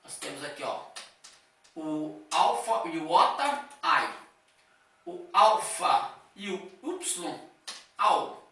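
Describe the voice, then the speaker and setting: Slow, high-voiced teacher in an echoey room. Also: male voice, a bit bright, distant mic. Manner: explains step by step, with frequent "tá?" and "ó" checks. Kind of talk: classroom lecture.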